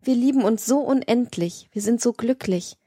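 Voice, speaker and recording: A woman's voice: on the high side, moderate pace, dark tone, slightly rough, no echo, voice pushed up. Lovesick, submissive young man, earnest and pleading, audiobook voice, dry sound, read by a woman. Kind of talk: audiobook reading of a classic novel.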